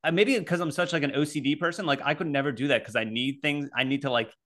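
A man's voice: mid-range voice, fast talker, a bit bright. A young man hosting a podcast, chatting casually, swearing and laughing easily. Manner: swears freely, laughs often, self-deprecating. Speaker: podcast host. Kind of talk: casual chat.

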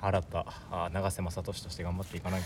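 A man hosting a podcast in casual chat, animated and laughing often. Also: sits low, fairly quick, far from the mic, background noise. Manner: animated, laughs often, mimics dialect phrases. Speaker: podcast host.

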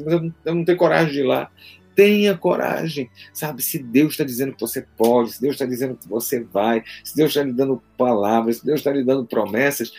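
A pastor preaching a sermon with passion, slowing down and pausing for emphasis and acting out the voices he quotes. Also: mid-range voice, darkish tone, slightly rough.

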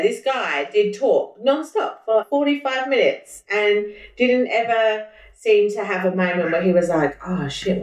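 A woman's voice: mid-range voice, roomy sound, recorded from a distance. A woman hosting a casual podcast, chatting easily and laughing often. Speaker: podcast host. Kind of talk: casual chat.

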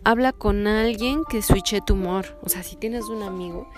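A woman hosting a self-help podcast, giving practical advice in a lively, coaching way and acting out little scenes. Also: mid-range voice, a little slow, music in the background. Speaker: podcast host.

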